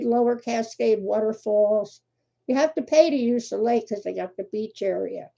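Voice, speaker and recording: A woman's voice: fairly high pitch, gravelly, dark tone. An older woman, hosting a casual crochet livestream, chatty and laughing often as she greets viewers by name. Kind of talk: casual live chat. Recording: muffled lo-fi livestream audio.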